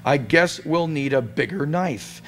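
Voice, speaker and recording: A man reading a story aloud and voicing a fussy, nagging husband who scolds his wife with shrill indignation. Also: lively intonation, normal speed, a bit bright, slight background noise. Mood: indignant.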